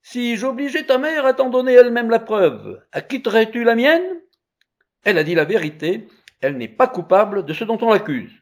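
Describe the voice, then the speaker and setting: A man voicing the boy seer Merlin, bold, accusing and solemn, in loud pressing declamation. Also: extremely high pitch, big pitch swings, normal speed, voice pushed up, exaggerated voice. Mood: defiant.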